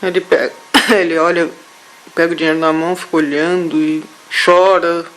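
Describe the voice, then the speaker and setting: A man haltingly recounting a vision during a therapy session, with many restarts. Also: a little high, flat delivery, fairly bright tone, poor audio. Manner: halting, hesitant, full of restarts. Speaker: therapy client.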